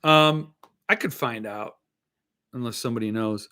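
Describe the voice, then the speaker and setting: A man's voice: medium pitch, normal speed, sharp tone, clean tone. A man chatting casually about his interests as a show host, with a lisp that makes his s sounds slushy, thinking aloud hesitantly and drifting into asides. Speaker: host of a book-collecting show. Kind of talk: casual rambling chat.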